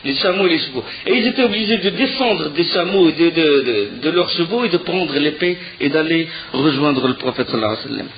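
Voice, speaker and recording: Male religious teacher, higher-pitched, muffled recording with faint hiss, lively storytelling lecture. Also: a little fast, few pauses. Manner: animated storytelling, rising with emotion, frequent fillers and restarts.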